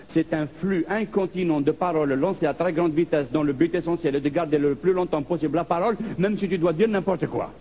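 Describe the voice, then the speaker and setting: A man from Algeria performing a stand-up comedy monologue, telling stories in a lively way. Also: fairly high pitch, a little hiss or hum. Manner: lively storytelling with put-on voices.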